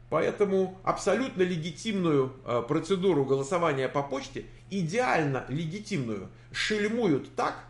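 A man giving casual political commentary on a live stream, halting, with many fillers and restarts. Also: on the high side, gravelly, roomy sound. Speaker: political commentator reading viewer chat.

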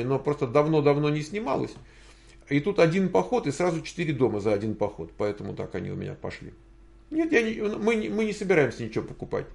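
A man's voice: on the high side, gravelly, darkish tone. An older man hosting a casual question-and-answer stream from home, answering viewers in a rambling way and thinking aloud with many hesitations. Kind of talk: casual livestream Q&A.

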